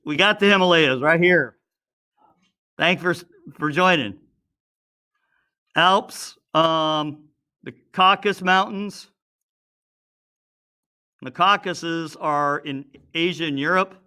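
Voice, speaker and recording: A man's voice: on the high side, slow pace, long pauses, sharp tone, clean tone. A male teacher giving a casual classroom science lesson, drawing as he explains and asking students questions. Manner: chatty, asks students questions, talks to himself while drawing.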